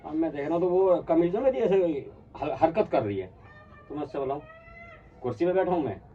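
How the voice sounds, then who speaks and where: A man's voice: on the high side, brisk, distant mic, lo-fi sound. A man telling a casual personal anecdote, acting out what his friends said along the way. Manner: animated, acts out quoted friends. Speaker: storyteller.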